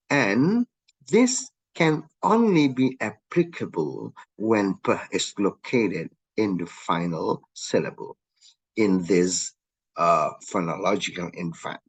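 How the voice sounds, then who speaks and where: A man's voice: lowish voice, slightly rough. A man with an Indonesian accent giving a recorded linguistics lesson, explaining examples on slides and saying "okay" again and again. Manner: repeats "okay" often, lively rising emphasis on example sounds. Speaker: linguistics lecturer.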